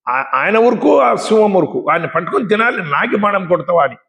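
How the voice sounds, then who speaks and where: A man's voice: sits high, very animated, fairly quick, creaky, a bit bright. A man giving a dramatic, exhortative moral-story speech to young people, with lots of repetition. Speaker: motivational speaker. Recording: echoey hall with long reverb.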